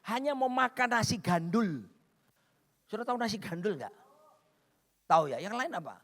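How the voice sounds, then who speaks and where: Middle-aged pastor guy, bright high voice, super animated storytelling sermon, long hall reverb. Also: normal speed. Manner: lively storytelling, addressing the congregation as "saudaraku". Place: church hall.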